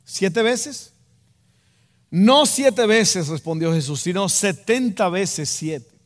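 A Dominican preacher with a Dominican Spanish accent speaks slowly in an animated, high-sitting voice. His sermon to the congregation is emphatic and direct, weighted by repeated key phrases, and echoes with long hall reverb.

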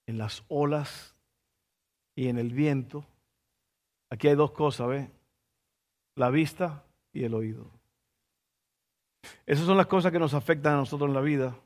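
A man preaching a sermon, telling a story with lively asides and rhetorical questions. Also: a little high, in a large hall.

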